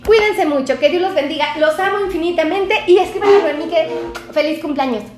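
Effusive high-voiced Mexican woman doctor. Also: a little fast, reverberant. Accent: Mexican Spanish. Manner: warm, effusive, chatty. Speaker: doctor hosting a live stream. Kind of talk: casual live stream chat, reading out comments.

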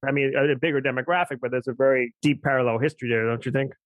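Quick academic male panelist, dry close sound. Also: mid-range voice, fairly even intonation, fairly bright tone, dry recording, rough recording. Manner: rapid, keeps checking in with "right?". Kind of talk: discussion, academic.

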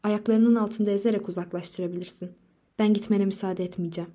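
A woman's voice: medium pitch, steady tone, brisk, close to an everyday voice. A woman reading a fierce, desperate young wife. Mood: anguished. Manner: loud, impassioned pleading. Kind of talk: audiobook reading.

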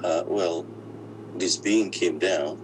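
A man whose voice has been disguised and pitched deep, telling his own story in an interview, halting and often restarting his words. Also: fairly even intonation, background noise. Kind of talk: personal account in an interview.

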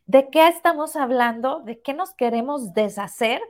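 Mexican woman on a podcast panel, kinda high voice, supportive, recaps stuff. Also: expressive, moderate pace. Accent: Mexican Spanish. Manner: supportive, recaps what others said. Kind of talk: casual podcast panel talk.

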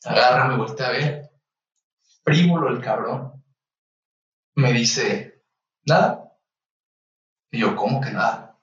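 Animated Mexican man, echoey room. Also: mid-range voice, unhurried, long pauses, distant mic. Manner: animated, acts out voices in anecdotes. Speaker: guest, medical student. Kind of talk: casual storytelling. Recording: echoey room, voice off-mic, slightly dull.

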